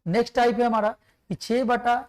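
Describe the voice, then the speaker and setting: A man's voice: very high-pitched, level tone, brisk. A man teaching an exam-prep math lesson, explaining step by step, asking questions and answering them himself, and reciting numbers and tables aloud.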